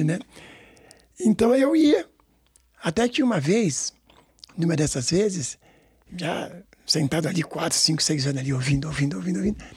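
A man in his sixties from Brazil with a São Paulo Portuguese accent, a samba school director telling stories in a rambling way with many repeats and tag questions. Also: sits high. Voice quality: gravelly and husky. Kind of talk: storytelling interview.

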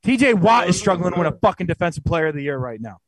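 A man talks quickly and pushes his argument hard in a casual sports chat, swearing freely. His voice sits a little high and sounds dry and close to the mic. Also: very animated, no echo. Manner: insistent, quick, profane. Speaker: podcast co-host. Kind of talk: heated casual sports debate.

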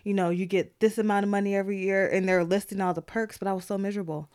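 A woman's voice: medium pitch, steady tone, quick pace, darkish tone, clear, resonant tone, no room sound, clean studio sound. A woman co-hosting a podcast, chatting casually and sharing her own experience. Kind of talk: casual chat.

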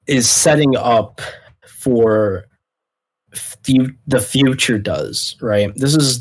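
A man's voice: medium pitch, poor audio. A man co-hosting a casual sports podcast, arguing his opinions bluntly in loose, informal speech. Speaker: podcast co-host.

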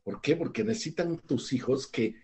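A man's voice: medium pitch, moderate pace, dark tone. An older man with a Mexican accent, a psychologist explaining ideas to a talk show in a conversational, example-filled way. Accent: Mexican Spanish. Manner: conversational, teaching with everyday examples, many restarts.

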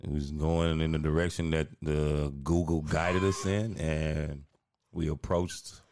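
A man's voice: very deep voice, level tone, measured pace, a little mellow. A man co-hosting a podcast in casual chat, laid-back and slangy, often tagging on "you know what I mean". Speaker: podcast co-host.

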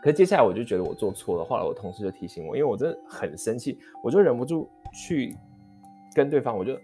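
A man, telling a heated anecdote in a storytelling vlog, quick and rambling with many restarts. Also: mid-range voice. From Taiwan. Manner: animated, heated retelling of an anecdote. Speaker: vlogger. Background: faint guitar music.

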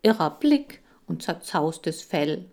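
A woman's voice: sits low, very animated, takes it slowly, darkish tone, heavily acted. A woman voicing a touchy, nervous male hamster who talks through his nose in a whiny, snippy way. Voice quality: nasal.

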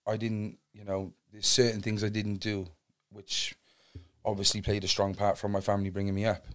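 Low-voiced Cardiff man telling his story. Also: monotone, moderate pace, a bit bright. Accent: Welsh (Cardiff). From Cardiff, Wales. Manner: open, earnest, rambling with restarts. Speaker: podcast guest. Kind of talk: candid personal storytelling.

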